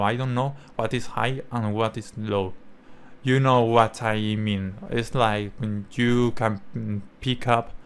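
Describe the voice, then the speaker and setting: A man talking casually to camera as a language-learning creator, halting and searching for words with many restarts. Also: mid-range voice, clean tone.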